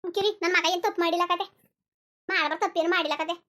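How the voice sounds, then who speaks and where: A woman's voice: extremely high pitch, fairly even intonation, fast talker, a bit bright. A woman voicing a tearful village mother in a cartoon who pleads and begs for her son. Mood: defiant. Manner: pleading, begging. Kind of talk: cartoon dubbing.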